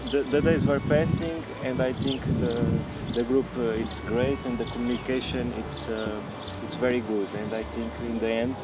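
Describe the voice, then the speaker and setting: A man with a Portuguese accent answers slowly at a mid pitch, often stopping to search for his words. Loud music plays behind him the whole time. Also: steady tone. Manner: hesitant, many fillers. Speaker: painter. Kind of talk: answering interview questions.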